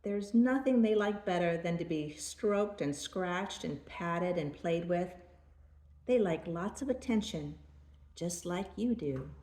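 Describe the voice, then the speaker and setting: Older grandma lady reading a kids picture book, lowish voice, roomy echo. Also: animated, a little mellow. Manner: grandma voice, measured storytelling delivery. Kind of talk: read-aloud children's storybook narration.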